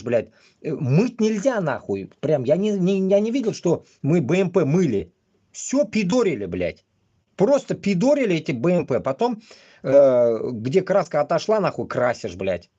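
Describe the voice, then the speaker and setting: A man rambles on a livestream, swearing constantly and bluntly in halting, choppy phrases. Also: mid-range voice, warm tone, breathy edge, lo-fi sound. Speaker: livestream host. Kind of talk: casual rambling live commentary.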